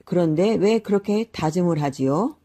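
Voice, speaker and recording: A woman's voice: lively intonation, normal speed, mellow. A woman voicing a lazy young man who has been turned into an ox, speaking in a raised, pleading voice. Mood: curious. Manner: high, pleading, panicky exclamations.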